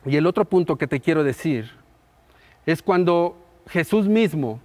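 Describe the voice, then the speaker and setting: High-voiced pastor preaching. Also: male voice, animated, measured pace. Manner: builds emphasis through repeated phrases, dropping soft at the ends. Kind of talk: sermon.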